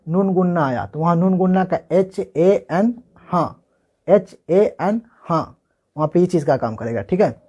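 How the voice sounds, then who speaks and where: A man's voice: high-pitched, animated, dark tone, lo-fi sound. A man with a slightly raised voice gives a casual writing lesson. He spells words out letter by letter, says them again and again, and asks and answers his own questions as he teaches. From Bihar, India. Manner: repeats words slowly, asks and answers himself. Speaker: Urdu handwriting teacher.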